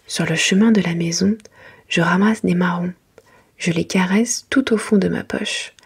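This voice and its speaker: A woman reading a children's picture book in a soft, gentle whisper, as ASMR for bedtime. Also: fairly low pitch, steady tone, normal speed. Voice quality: breathy, mostly whispered soft voice.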